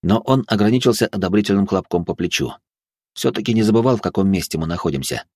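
A man narrating a first-person fantasy audiobook in a measured, even manner. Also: on the low side, slightly rough, dry recording, studio quality.

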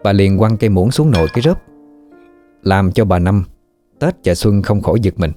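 Guy telling a ghost story, low warm voice, faint music under. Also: expressive, moderate pace.

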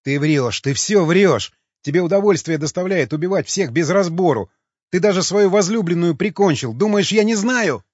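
A distraught young man near tears, as a male audiobook reader plays him, raising his voice above the reader's own as he pleads and shouts. The recording is dull and dry. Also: on the high side, big pitch swings, moderate pace, husky, no echo. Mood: desperate angry. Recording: dull lo-fi sound.

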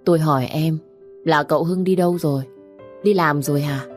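A woman's voice: low-pitched, brisk, soft background music, close to an everyday voice. A woman voicing a distraught young widow who keeps frantically asking where her husband is. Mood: frantic. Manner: pleading, frantic questioning. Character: young grieving wife, distraught and insistent.

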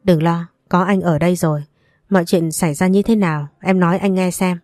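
A woman's voice: on the low side, steady tone, a little fast, darkish tone, dry recording, clean studio sound, close to an everyday voice. A woman reading the lines of a protective young man in a storybook reading, in a soothing way. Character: distressed young man comforting his girlfriend.

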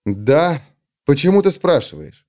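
A man plays a tired human swordsman who answers in a calm, even, dry voice. He stays patient and a little sardonic, in a level, unhurried tone. An audiobook character. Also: on the high side. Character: weary, patient adult male human swordsman.

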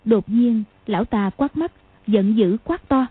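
Casting: female audiobook narrator, husky, fairly high, even delivery; tinny phone-like dry recording. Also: a little slow, dry recording. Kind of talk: scripted narration.

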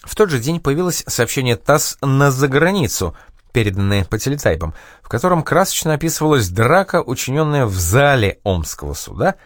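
A man reading a memoir aloud as an audiobook narrator, in a measured and expressive way. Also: medium pitch, dry recording, clean studio sound.

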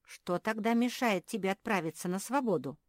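A woman's voice: mid-range voice, expressive, moderate pace, no room sound, studio quality, pitched above the performer's own voice, close to an everyday voice. A woman voicing a proud but tearful young girl in a storybook reading, speaking plaintively.

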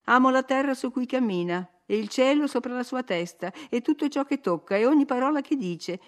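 An impetuous, proud young woman, put on by a female reader in an audiobook, her voice pitched up high and pushed louder. She presses every point with insistent emphasis, swinging from pleading to passionate. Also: animated, a little fast.

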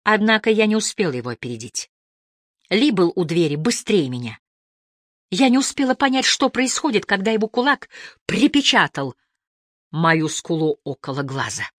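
A woman narrating a first-person story as an audiobook reader, with an expressive delivery that moves between hushed and lifted tones. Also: mid-range voice, moderate pace, no echo, studio quality.

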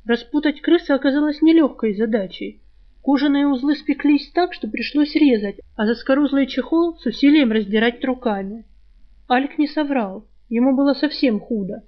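A woman reading a fantasy novel aloud as an audiobook narrator, in steady storytelling. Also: sits high, moderate pace, highs cut off. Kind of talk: scripted narration.

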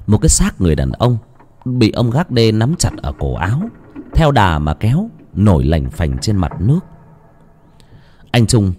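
A man narrating a horror story in a dramatic, expressive way. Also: on the low side, slight background noise.

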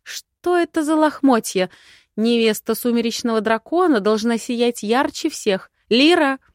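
A woman's voice: a little high, animated, unhurried, dry recording, clean studio sound, pitched above the performer's own voice. A woman playing a bossy noble matron. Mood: commanding. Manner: bossy, emphatic orders. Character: commanding noble matron, stern yet doting.

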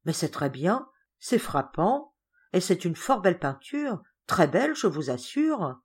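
A woman's voice: fairly low pitch, very animated, measured pace, husky, exaggerated voice. A woman doing a stern, formal uncle. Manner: formal, reproving. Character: stern middle-aged uncle, formal and reproving.

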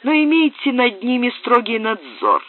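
A man's voice: very high voice, huge pitch swings, moderate pace, no room sound, pitched above the performer's own voice, full character voice. A man reading a cold, stern marquis. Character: cold, commanding aristocratic marquis, middle-aged man. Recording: tinny, dry, phone-like audio.

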